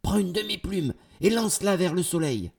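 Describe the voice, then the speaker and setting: A man voicing a brave, excitable young girl in a storybook tale, crying out in alarm. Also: mid-range voice, measured pace, vocal fry, slightly rough, pitched above the performer's own voice, heavily acted. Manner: cries out in alarm.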